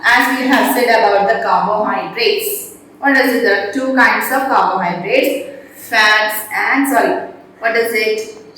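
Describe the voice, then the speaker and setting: A woman's voice: fairly high pitch, fairly bright tone. A woman teaching a class at a board, repeating her points and quizzing the students. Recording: echoey room voice from far off.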